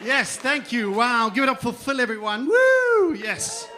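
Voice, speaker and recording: A man's voice: very high voice, big pitch swings, a little slow, background noise. A man from South Africa with a South African accent doing stand-up comedy, crude and rowdy as he banters with the crowd on a comedy club stage.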